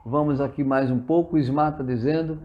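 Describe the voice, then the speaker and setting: A man's voice: mid-range voice, steady tone, a little fast, lo-fi sound. A man with a Brazilian Portuguese accent giving an earnest live sermon-style talk, reading viewer comments aloud and answering them. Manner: earnest and exhortative, reads out viewer comments and replies. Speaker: spiritist preacher hosting a live session. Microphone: livestream from a phone or computer.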